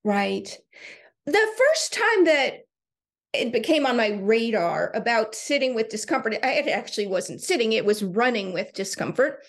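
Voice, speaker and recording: A woman co-hosting a podcast in casual chat, telling stories with animated delivery and frequent laughter. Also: on the high side, moderate pace. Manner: storytelling, animated, laughs often. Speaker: podcast co-host and coach.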